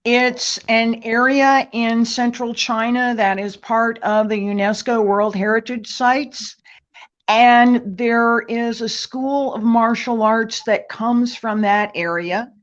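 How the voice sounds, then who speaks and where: A woman, a guest author and martial arts teacher, chatting in an interview in a slow, measured way and laughing easily. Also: on the high side, fairly even intonation. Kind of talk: casual interview chat. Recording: dull lo-fi sound.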